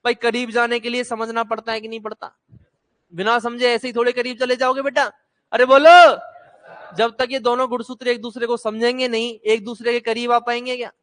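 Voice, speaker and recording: Animated high-voiced male teacher. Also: fairly quick. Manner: animated, coaxing students to chant answers. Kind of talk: classroom lecture with call-and-response.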